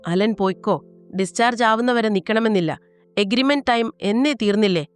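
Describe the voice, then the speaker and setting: A woman voicing a proud, sharp-tongued pregnant young wife. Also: a little high, normal speed, clean tone, faint music behind, lightly acted. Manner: curt, stubborn.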